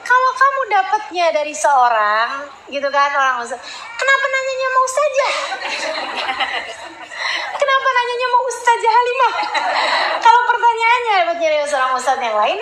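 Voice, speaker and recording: A high-voiced woman preacher from Indonesia answers questions in a casual, chatty sermon, teasing her listeners as she goes. Her voice echoes around a roomy space. Faint ambient noise sits behind her. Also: fairly bright tone. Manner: chatty, teasing, laughing asides.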